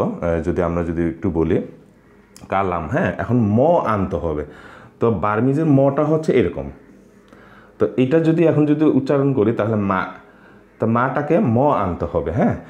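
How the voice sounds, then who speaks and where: A man teaching a language lesson, pausing often with fillers and checking in with his listeners. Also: on the low side, a little mellow, echoey room, muffled recording. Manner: hesitant, many filler sounds, checks in with listeners.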